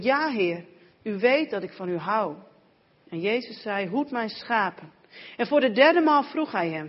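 Woman interpreting in a reverberant church. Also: medium pitch. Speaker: interpreter and scripture reader. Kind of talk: interpreting a sermon into Dutch, then reading scripture aloud. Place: church hall. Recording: dull lo-fi sound with long hall reverb.

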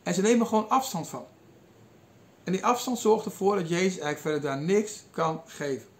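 A man with a high voice delivers a sermon as a retold story. He quotes the figures with lively changes in his delivery and pauses now and then with small hesitations. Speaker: preacher. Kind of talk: sermon retelling a Bible passage.

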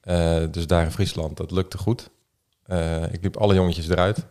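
Brief: Dutch man, very low voice, halting storyteller in a casual chat. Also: fairly even intonation, a little mellow. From Netherlands. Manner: hesitant, filler-heavy storytelling. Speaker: guest. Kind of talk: casual podcast conversation.

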